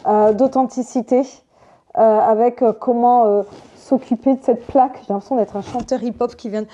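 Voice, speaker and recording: A young woman vlogging spontaneously at home, chatty and excited as she talks to her viewers. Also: fairly high pitch. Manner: chatty, excited, addresses viewers as "les gars". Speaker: online business vlogger. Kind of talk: spontaneous unboxing vlog. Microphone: desk microphone.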